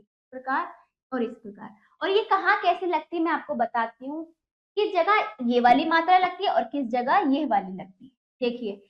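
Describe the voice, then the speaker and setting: Patient woman teacher with a high voice, on a muffled lo-fi recording. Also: roomy sound. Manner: patient, asks pupils questions and answers them. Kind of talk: children's Hindi lesson.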